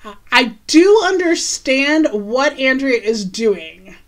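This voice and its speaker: A woman's voice: sits high, expressive. Chatty woman podcast co-host. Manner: chatty, recounts scenes with quick asides and laughs. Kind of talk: casual chat recapping a TV episode.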